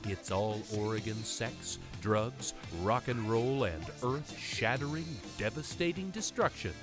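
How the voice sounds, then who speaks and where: A man narrates history as a podcast host, dramatic and irreverent. His medium-pitched voice swings widely in intonation, and music plays clearly behind him. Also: lively intonation, measured pace. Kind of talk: scripted history storytelling narration.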